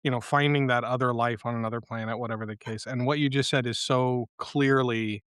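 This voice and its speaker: Brief: male host moderating a panel, mid-pitched, quick to agree and pass the floor. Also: steady tone, a bit bright, clear, resonant tone, no echo, studio quality.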